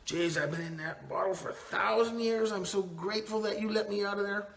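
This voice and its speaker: A man's voice: high-pitched, brisk, gravelly, a bit bright, pitched above the performer's own voice. A man voicing a grateful male genie in a told joke, speaking expansively. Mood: grand.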